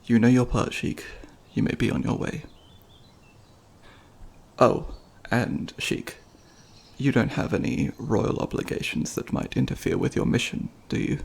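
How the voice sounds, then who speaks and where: In a fantasy ASMR roleplay, a man portrays a devout, solemn monk elder, speaking in a calm, instructing way that is measured, formal, and reverent. His mid-range voice is breathy and creaky, with fairly even intonation.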